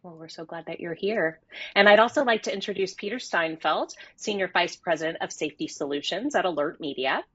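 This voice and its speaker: A woman's voice: fairly low pitch, fairly quick, slightly rough, dry recording. A woman moderating a business webinar, introducing speakers and running polls in an upbeat, scripted way. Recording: slightly dull, dry audio.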